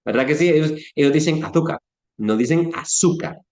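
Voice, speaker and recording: Talking fast in a voice on the high side and slightly mellow, a man with a Latin American Spanish accent runs a casual church class in a reverberant room. He converses with listeners, poses questions, and acts out sounds.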